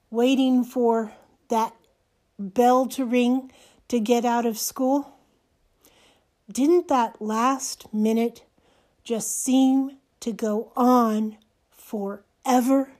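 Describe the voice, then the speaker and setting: An older woman with a hoarse, nearly gone voice, hosting a personal podcast in short, halting, reflective phrases. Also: fairly high pitch, darkish tone. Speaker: podcast host.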